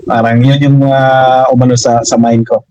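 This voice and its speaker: A man from Mindanao with a Filipino accent, a guest comic artist telling stories in a lively, animated way in a casual talk. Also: mid-range voice, normal speed, no room sound, low-quality recording. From Mindanao, Philippines. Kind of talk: casual storytelling.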